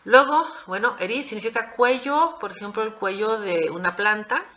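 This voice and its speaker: A woman, teaching Japanese pronunciation. She explains patiently, repeats each example and checks understanding with quick questions. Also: medium pitch. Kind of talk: classroom explanation. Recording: dull lo-fi recording.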